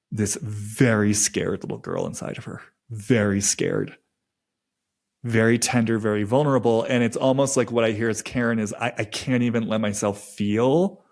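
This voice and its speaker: A man hosting a podcast, talking through a reflective solo monologue in a halting, slow way with many restarts. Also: lowish voice, steady tone, gravelly, darkish tone. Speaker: podcast host.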